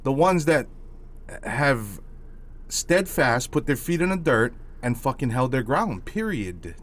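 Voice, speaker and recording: A man's voice: medium pitch, sing-song, takes it slowly, a bit bright. A man from Hawaii with a Hawaiian accent, co-hosting a casual podcast, talking passionately and swearing freely. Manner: passionate, heated, swears freely, keeps asking "you know what I mean". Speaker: podcast co-host.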